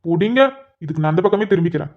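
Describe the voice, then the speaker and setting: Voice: medium pitch, rapid-fire, lightly acted. Brief: performer doing a flustered cartoon husband, exasperated and pleading, dull lo-fi audio. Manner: exasperated, pleading, sighing asides. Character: flustered young married man, patient and exasperated.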